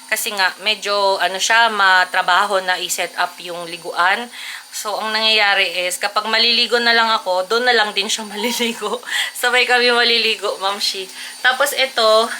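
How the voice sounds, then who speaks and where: Chatty mom vlogger in a noisy home. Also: female voice, medium pitch, steady tone, moderate pace, pushed and bright. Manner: chatty, mixes Tagalog and English, addresses viewers as fellow moms. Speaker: family vlogger and mother. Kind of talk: casual chat to camera. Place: home indoors, kitchen and bathroom. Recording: home video with clear background noise.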